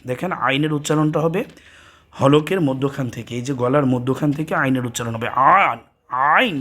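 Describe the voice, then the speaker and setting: A man with a Bangladeshi accent teaching a Quran reading lesson, sounding out letter pairs slowly and repeating each drill. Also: medium pitch. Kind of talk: slow recitation lesson with drills.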